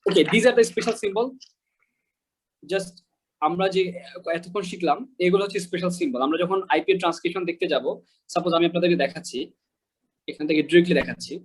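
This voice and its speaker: High-voiced man teaching pronunciation. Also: a little fast, long pauses, husky, low-quality recording. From Bangladesh. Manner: explains patiently, repeats example words, checks with listeners. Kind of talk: online lesson, mixing in English words.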